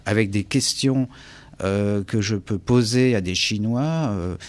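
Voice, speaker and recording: This interview guest is a Frenchman with a French accent who teaches English and writes books. He speaks unhurriedly in a lowish voice, thoughtful in tone, frequently hunting for words and saying things twice.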